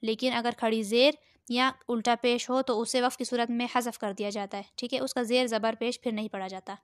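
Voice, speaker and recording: A woman teaching Quran reading, spelling each word out syllable by syllable in a slow, drawn-out way, then adding short explanations. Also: a little high, little pitch movement, clear, resonant tone, no room sound, studio quality. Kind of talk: slow spelled-out recitation lesson.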